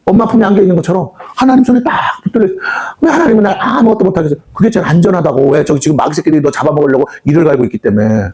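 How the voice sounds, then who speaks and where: A man's voice: high-pitched, racing, a little mellow. A man preaching a revival sermon in a church, blunt and coarse, scolding his congregation and acting out the voices of God, the devil and children. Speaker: pastor. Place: prayer house church hall.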